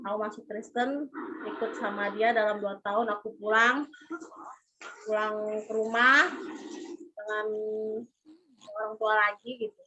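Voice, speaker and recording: Woman, earnest testimony voice, bright and fairly high, lo-fi. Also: a little hiss or hum. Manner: earnest, repetitive, halting. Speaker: church member giving a testimony. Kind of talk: personal testimony. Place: abroad, in China. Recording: lo-fi dull sound.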